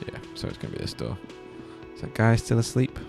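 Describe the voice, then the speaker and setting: Gravelly-voiced man playing a game. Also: mid-range voice, very animated, fairly quick. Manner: playful, laughs often, reads dialogue choices aloud. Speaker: gameplay streamer. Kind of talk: casual let's-play commentary. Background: game music.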